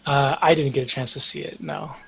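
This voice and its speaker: Husky, hesitant man being interviewed. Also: medium pitch, steady tone, brisk, fairly bright tone. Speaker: interviewed software developer. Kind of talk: casual interview.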